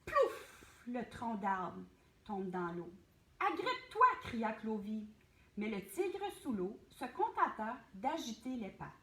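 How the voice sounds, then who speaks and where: Woman, library storytime reader, slow pace, echoey room with faint ambience. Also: medium pitch, expressive. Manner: warm encouraging, addressing children. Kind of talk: children's storytime reading.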